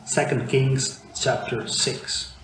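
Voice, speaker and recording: The Argentine preacher has a mid-range, fairly bright voice with flat delivery and a slow pace. His sermon is conversational, peppered with fillers and restarts, and the church room sounds echoey with faint background noise.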